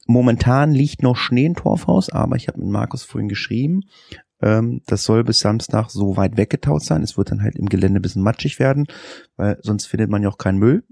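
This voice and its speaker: Chatty German podcast host, gravelly voice. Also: male voice, lowish voice, a little mellow, no echo, clean studio sound. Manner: quick, chatty, stumbling over words. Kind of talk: casual podcast chat.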